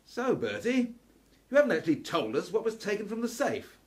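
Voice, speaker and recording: Man as Professor Steam, a husky, urbane gentleman inventor. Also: high voice, very animated, fairly quick, full character voice. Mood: wry, assured. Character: Professor Steam, shrewd gentleman inventor uncle, calmly commanding. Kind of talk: steampunk radio play acting.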